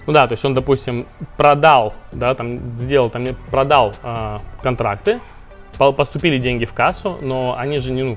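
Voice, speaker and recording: A man who founded a finance company explains money matters in a casual interview, using lots of fillers and restarting his sentences. His voice is mid-range.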